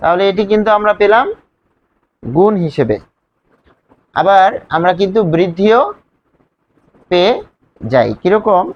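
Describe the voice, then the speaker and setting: Guy teaching grammar real slow, higher voice, kinda dull lo-fi sound. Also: lively intonation. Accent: Bangladeshi Bengali. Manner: slow, step-by-step explaining with questions to students. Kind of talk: grammar lesson.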